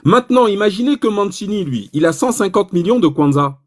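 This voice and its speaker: A man giving an informal economics lesson, animated and provocative, asking himself rhetorical questions. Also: high voice, fairly quick. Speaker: economics explainer.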